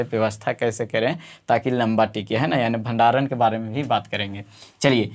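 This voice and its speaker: A male teacher walks his students through what is coming in the course. He explains casually and rambles, piling on fillers and tag questions, and his voice sits at an ordinary middle pitch. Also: darkish tone. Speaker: science teacher.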